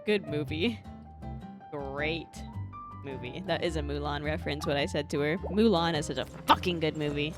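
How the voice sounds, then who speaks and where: A young woman with a deep voice live streams a game at a moderate pace, her commentary casual, slangy and full of swearing. She often repeats her phrases, and video game music plays behind her.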